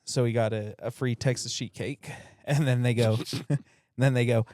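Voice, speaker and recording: A man's voice: mid-range voice, fairly even intonation, normal speed, a little mellow, no room sound, studio quality. A man co-hosting a casual chat, laughing often while telling anecdotes. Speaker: podcast co-host.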